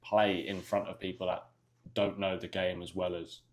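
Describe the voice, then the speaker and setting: A young man from just outside London, with a London-area English accent, chatting in a relaxed, hesitant way as a podcast guest. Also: low voice, moderate pace. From England, near London. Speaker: soccer player, podcast guest. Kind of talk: casual interview chat.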